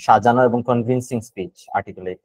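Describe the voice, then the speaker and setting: A Bangladeshi man teaches an online GRE vocabulary class, explaining word meanings casually and thinking aloud while mixing English words into his Bengali. He talks fast at a medium pitch, and the low-quality recording has no room sound.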